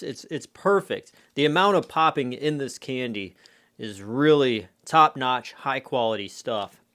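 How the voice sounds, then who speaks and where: A man's voice: mid-range voice, fairly bright tone. A man giving a casual food review in a rambling, conversational way, often dropping in filler phrases like "you know". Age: adult. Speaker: candy reviewer.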